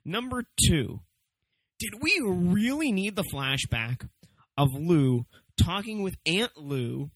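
Emphatic, higher-voiced man reviewing casually. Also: sing-song, slow, fairly bright tone, no echo, rough recording. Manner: emphatic, profane, swooping for stress. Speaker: movie review show host. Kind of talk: casual, comedic review commentary.

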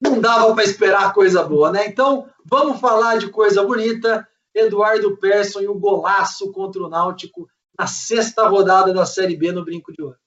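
A man's voice: sits high, moderate pace, hardly any pauses, fairly bright tone. A man with a Brazilian accent hosting a casual football recap and discussion. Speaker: host of a football fan show. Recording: dull, distant microphone.

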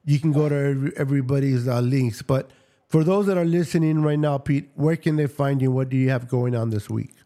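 A man's voice: medium pitch, brisk, mellow. Guy hosting a sports podcast, jokey and teasing, throws in spanish slang, normal mid voice. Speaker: podcast host. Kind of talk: casual podcast banter.

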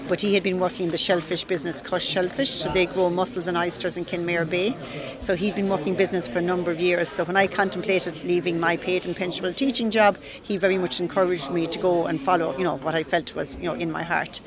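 A woman's voice: fairly low pitch, steady tone, quick pace, a crowd in the background. A middle-aged woman, talking in a chatty, discursive way in an interview. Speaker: goat farmer and cheesemaker interviewed. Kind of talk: conversational interview.

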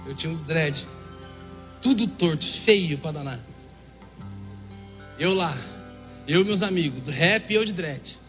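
A man with a Brazilian Portuguese accent preaching, telling a lively story and acting out the dialogue. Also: a little high, measured pace, pauses often. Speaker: preacher giving testimony. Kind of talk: storytelling sermon. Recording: echoey hall with faint music.

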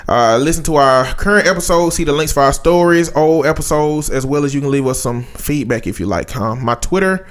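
A man co-hosting a podcast in a casual, rambling, somewhat halting way. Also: fairly high pitch. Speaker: podcast co-host.

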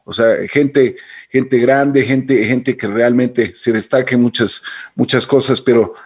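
A man's voice: mid-range voice, fairly even intonation, a little slow, breathy edge. A man interviewing a guest, asking questions with frequent restarts. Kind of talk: casual interview.

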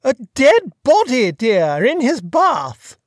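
Storybook elderly duchess, gossipy and emphatic, raised and lively, voiced by the narrator. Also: sits high, takes it slowly, no room sound, studio quality, pitched above the performer's own voice, heavily acted. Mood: gossiping. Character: elderly dowager duchess, chatty and kindly. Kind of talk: audiobook dialogue.

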